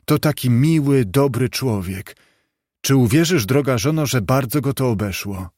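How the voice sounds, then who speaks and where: A man reading the part of a humble, grieving clerk and father, in a warm and earnest tone. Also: mid-range voice, animated, moderate pace, no room sound, studio quality, lightly acted.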